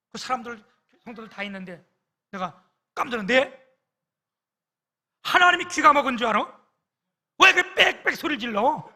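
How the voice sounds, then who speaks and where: Bright, high-voiced male pastor preaching. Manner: storytelling with emotional swings and quoted voices. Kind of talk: sermon.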